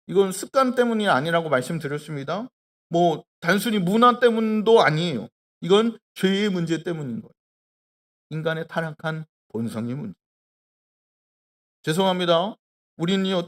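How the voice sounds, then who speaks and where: A man in his thirties preaching a sermon at a live church prayer meeting, earnest and conversational, with rhetorical questions and sudden swings from hushed, slow emphasis to loud exclamations. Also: high-pitched. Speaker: pastor. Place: church worship hall.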